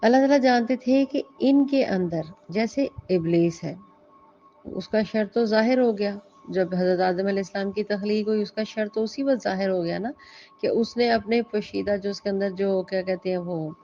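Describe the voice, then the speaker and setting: A woman lecturing on scripture in an easy, conversational manner, reciting verses and slipping in English words. Her voice sits at a middle pitch. The recording is muffled and lo-fi, with soft music faintly in the background. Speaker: Quran teacher. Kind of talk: religious lecture explaining scripture. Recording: dull lo-fi audio with faint music.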